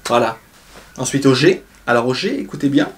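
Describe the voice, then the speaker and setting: A man's voice: medium pitch, animated. A young man teaching a pronunciation lesson, patiently explaining each sound and repeating it several times. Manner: explains slowly, repeating sounds and drawing them out. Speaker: language teacher.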